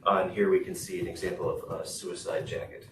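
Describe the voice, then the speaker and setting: A man interpreting a student's talk into English at a school board meeting, steady with frequent "uh". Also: low voice, normal speed. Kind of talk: consecutive interpreting. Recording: echoey room, far mic, noisy.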